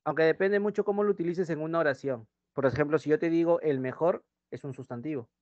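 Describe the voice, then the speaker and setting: Peruvian male teacher, slightly high voice. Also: dry recording. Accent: Peruvian Spanish. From Peru. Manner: reads example sentences slowly and loudly, then quiet asides. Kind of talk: online grammar class. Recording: dull dry lo-fi sound.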